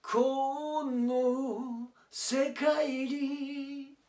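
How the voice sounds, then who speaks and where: A man voicing an excitable Kansai-dialect laborer who is a devoted fan, loud and lively. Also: very high-pitched, extremely slow, voice pushed up, exaggerated voice. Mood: tender. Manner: loud, excitable, shouting at times. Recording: roomy, distant mic.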